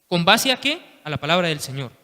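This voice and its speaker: Man, lay preacher, impassioned sermon, higher voice, echoing church hall. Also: very animated, fairly quick, bright, forceful tone. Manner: impassioned, repeats "hermanos" and "¿sí?" often. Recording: long reverb of a church hall.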